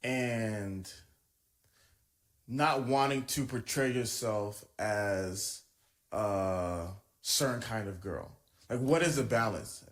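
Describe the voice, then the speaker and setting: A man's voice: lowish voice, slow pace. A man interviewing a guest in a casual podcast, asking a rambling, filler-heavy question.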